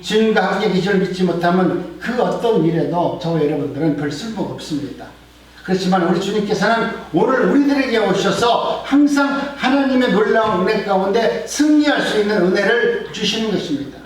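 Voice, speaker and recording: A high-voiced middle-aged male pastor preaches earnestly, his volume swelling and then sinking low. He sounds set back from the mic, and his words ring through a very echoey church hall. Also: normal speed, distant mic. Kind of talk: sermon. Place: church sanctuary.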